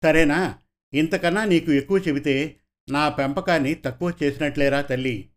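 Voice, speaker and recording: Male reader plays a gentle older father in an audio story, tender and reminiscing. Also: on the high side, normal speed, lightly acted. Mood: affectionate. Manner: warm, storytelling to his daughter. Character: aging father, gentle, reflective, affectionate.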